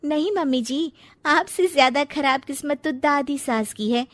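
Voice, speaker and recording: A woman voicing a bold, sharp-tongued young daughter-in-law in a cartoon, talking back with cheeky sarcasm. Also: high-pitched, a little slow, dry recording, voice pushed up. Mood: sassy. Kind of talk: cartoon voice acting.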